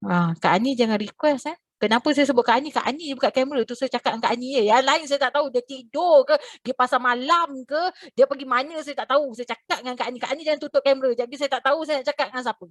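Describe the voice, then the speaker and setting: A woman from Malaysia, a religious teacher, telling a story to her class over a video call in a lively, expressive way. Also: racing, hardly any pauses, no room sound. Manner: animated, expressive, swings in pitch and loudness.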